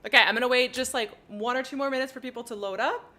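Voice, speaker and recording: Speaking fast in a high, pushed, bright voice, this woman with a French Canadian accent runs a casual flight sim livestream. She giggles a lot and talks viewers through each cockpit step while flying.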